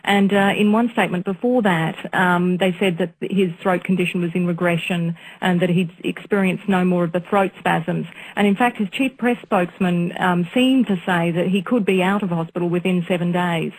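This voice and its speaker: A woman's voice: on the low side, fairly even intonation, moderate pace, few pauses, a little hiss or hum, poor audio. A woman foreign correspondent reporting live in a radio news interview, speaking off the cuff with some hesitation. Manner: reporting live with fillers and restarts.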